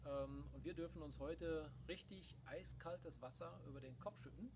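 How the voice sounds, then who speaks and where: A middle-aged man speaks casually to camera as a co-host, in a slightly high voice. He is outdoors in a garden, some way from the microphone, with clear noise behind him. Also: moderate pace. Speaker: podcast co-host. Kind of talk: casual unscripted presentation to camera. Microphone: camera mic a few metres away. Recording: noisy outdoor camera recording from a distance.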